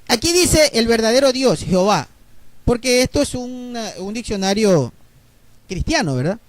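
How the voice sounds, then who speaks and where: A man preaching a Bible teaching sermon, explaining word roots slowly and checking in with his listeners. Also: very high-pitched, expressive, no room sound. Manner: explains slowly, spells letters out, asks listeners ¿verdad?.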